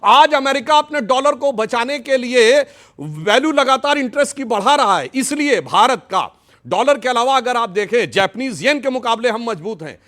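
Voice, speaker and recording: A man's voice: very high voice, lively intonation, normal speed, fairly bright tone. A man arguing on a TV debate panel, mocking his opponents and reciting a couplet. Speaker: political panelist. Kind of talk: TV debate argument. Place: TV studio.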